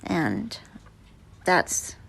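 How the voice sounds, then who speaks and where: A woman's voice: lowish voice, big pitch swings, extremely slow, creaky, fairly bright tone, breathy edge. A woman being interviewed as an actress guest, telling stories in a rambling way with many fillers and restarts. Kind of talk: interview answers, storytelling.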